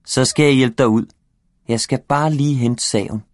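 A man's voice: medium pitch, dry recording, close to an everyday voice. A man voicing a distracted father in a read-aloud storybook, answering in an absent, mumbling way. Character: distracted father reading his newspaper.

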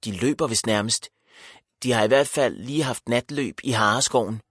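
A man voicing a dreamy young boy who loves nature adventures, speaking quietly and a little reluctantly in an audiobook. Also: mid-range voice, slightly rough, no echo, studio quality. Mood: quiet, polite.

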